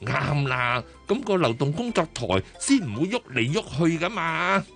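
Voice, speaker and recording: A man's voice: a little high, big pitch swings, normal speed, vocal fry, a bit bright, faint music behind, heavily acted. A middle-aged man acting an easygoing husband in a radio drama, chatty and full of questions. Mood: curious. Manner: chatty, curious.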